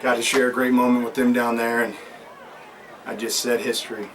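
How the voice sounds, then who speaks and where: A man's voice: mid-range voice, level tone, fairly quick. A man, a head football coach, giving a postgame interview, earnest and repetitive with many ums. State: recovering breath after running. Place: outdoors at a stadium after a game. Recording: distant mic with loud crowd.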